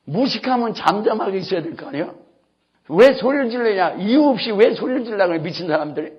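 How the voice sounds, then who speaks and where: A male pastor delivers an emphatic sermon in a fairly high, husky voice. His pitch swings widely as he breaks into sudden shouts. The recording is dull and lo-fi. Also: expressive, fast. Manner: emphatic preaching that bursts into shouting.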